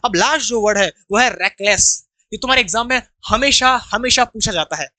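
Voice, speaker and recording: Indian male tutor, online vocab class, lively and bright, dry recording. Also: high-pitched, brisk, no echo. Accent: Indian English. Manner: explains terms, has students repeat after him. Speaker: English teacher.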